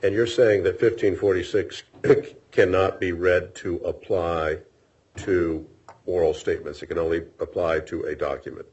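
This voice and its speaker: A man's voice: low voice, fairly even intonation, normal speed, a little mellow, breathy edge. A man presiding as an appellate judge, firing probing questions at counsel and often cutting in. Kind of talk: questioning counsel at oral argument. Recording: dull lo-fi courtroom audio.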